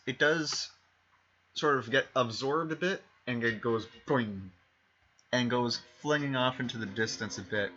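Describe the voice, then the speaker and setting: Bright-voiced man running a tabletop game. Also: mid-range voice. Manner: rambling, self-correcting, fillers and restarts. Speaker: game master. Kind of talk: narrating a tabletop game over stream. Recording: dull lo-fi stream mic.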